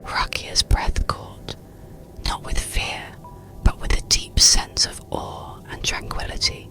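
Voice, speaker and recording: In a soft, breathy ASMR whisper, a narrator reads a bedtime story with soothing gentleness and carefully paced phrasing. The audio quality is poor, with a low rumble underneath.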